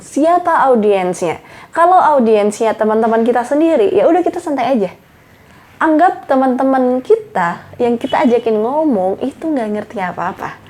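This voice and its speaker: Young woman vlogging speaking tips, chatty, slightly high voice. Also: dark tone. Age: young adult. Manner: chatty, refers to herself by name, mixes in English phrases. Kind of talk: casual tutorial talk to camera.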